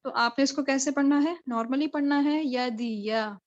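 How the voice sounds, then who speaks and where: A woman with a Pakistani accent teaching a recitation class online. She spells out and repeats syllables slowly and patiently. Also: high-pitched, steady tone. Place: home room on a video call. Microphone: video call mic. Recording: dull lo-fi video call audio.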